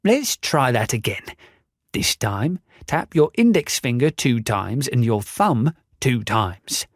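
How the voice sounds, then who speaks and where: A man's voice: mid-range voice, big pitch swings, slow pace, no room sound, heavily acted. Audiobook casting: a man playing a forgetful old tinkerer, patient and instructive, dry close read. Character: old male inventor, kindly, forgetful. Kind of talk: audiobook character voice.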